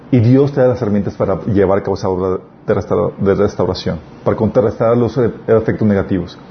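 A man preaching an earnest sermon at a mid pitch, reading scripture aloud. He often breaks off and restarts words, then presses his points with emphasis. The recording is dull and lo-fi, with a faint hiss behind him.

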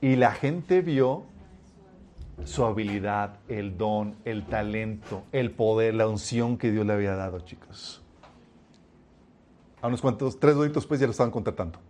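Man preaching a lively sermon. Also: on the low side, moderate pace, a little hiss or hum. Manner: addresses listeners as "chicos", lively storytelling.

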